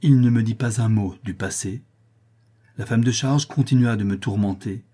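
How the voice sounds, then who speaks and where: Man reading as a frightened young servant woman, anxious, pleading, low dark husky voice, audiobook. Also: normal speed. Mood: fearful.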